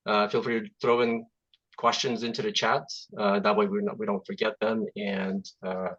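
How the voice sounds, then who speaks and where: A Russian-speaking software engineer in his forties, born in Azerbaijan, chats in a relaxed way as a guest on a video call, full of fillers and restarts. His voice is fairly low, and the computer mic makes the audio sound dull.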